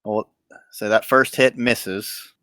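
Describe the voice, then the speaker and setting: A man narrating a tabletop game as dungeon master, relaxed and laughing between rulings, over online voice chat. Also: fairly low pitch, slow pace, dry recording.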